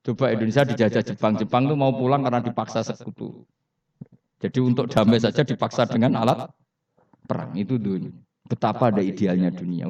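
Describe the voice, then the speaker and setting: A man's medium-pitched, slightly mellow voice leads a Quran study sermon in a Javanese accent, mixing storytelling with questions to the listeners and laughter. It's recorded from a distance in a roomy hall, giving a dull sound.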